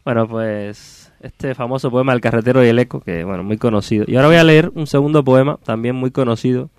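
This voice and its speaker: A man's voice: mid-range voice, fast, clear, resonant tone, no echo. Man reciting poetry, dry studio sound. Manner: relaxed, hesitant spoken introductions. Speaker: radio guest reciting poetry. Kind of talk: poetry reading on radio.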